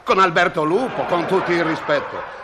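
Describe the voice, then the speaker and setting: A man's voice: sits high, normal speed, background noise, close to an everyday voice. A man playing a touchy, sarcastic television cameraman in a vintage comic sketch, grumbling and arguing back at his boss. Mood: mocking. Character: touchy, sarcastic male TV cameraman, stubborn and quarrelsome.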